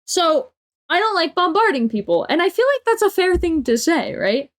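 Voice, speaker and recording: A woman's voice: very high voice, sing-song, normal speed. A young adult woman livestreamer telling a casual, exasperated story with lots of swearing and filler words.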